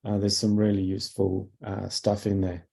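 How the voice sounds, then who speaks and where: A product manager presents a webinar, his voice croaky from a cough; he halts, uses fillers and clears his throat. His pitch is fairly low, monotone and a little mellow.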